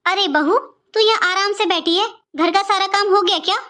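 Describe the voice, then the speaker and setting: A woman voicing a bossy, scolding middle-aged mother-in-law in an animated cartoon, speaking harshly and commandingly. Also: extremely high pitch, normal speed.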